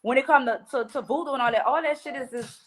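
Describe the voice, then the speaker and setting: A woman's voice: high voice, quick pace. A woman from New Orleans with a New Orleans accent, a podcast guest talking bluntly and profanely in casual chat, acting out quotes as she goes. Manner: blunt, profane, animated storytelling with voiced quotes.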